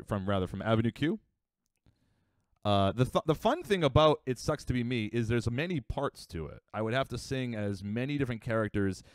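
A young man chatting casually on a live stream, rambling with fillers and quick asides. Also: medium pitch, dry recording, studio quality. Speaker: livestreamer.

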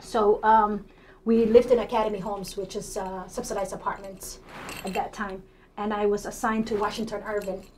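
With little pitch movement and a moderate pace, a woman in her forties speaks in a mid-range, slightly mellow voice with a Somali accent. She's a city council candidate answering interview questions conversationally at a TV studio desk, captured on a rough recording with clear background noise.

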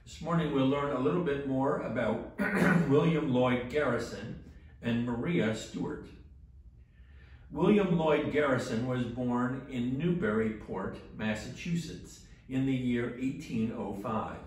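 An older man, a rector, leads morning prayer in a small church chapel, reading steadily from a book at a measured pace. His voice is medium-pitched. He's captured by a camera some distance away, so he sounds far off in a very echoey room.

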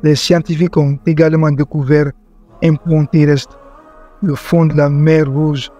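A man tells a religious story in a measured, earnest scripted narration, his voice sitting a little high for a man yet mellow and warm. Quiet music plays softly behind him. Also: flat delivery. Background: faint background music.

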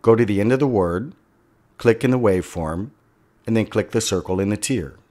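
A man with a very low voice walks through a software tutorial one step at a time. He speaks as an instructor over a screen recording, giving plain, steady directions. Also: normal speed.

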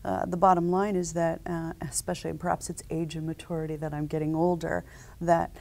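Her voice is deep, level, and somewhat dark: a woman in her forties and company founder fielding interview questions at a conference set. She picks her words carefully and sounds businesslike, though ums and uhs crop up frequently, all captured on a lapel mic.

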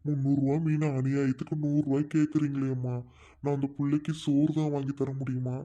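A man's voice: medium pitch, level tone, fairly quick, warm tone, muffled recording, lightly acted. A man voicing a poor, weary older fish seller and father in a cartoon, pleading patiently.

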